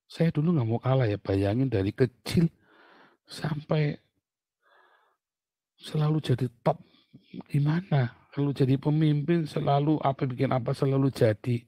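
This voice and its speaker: Guy preaching, lively storytelling sermon, dry close mic. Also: mid-range voice, moderate pace, pauses often, no echo. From Indonesia. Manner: animated, storytelling with asides and laughs.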